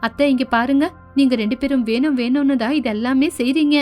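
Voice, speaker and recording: A woman voicing a patient, put-upon young wife in an animated story, pleading and reasonable. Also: high-pitched, fairly quick, soft background music, natural voice.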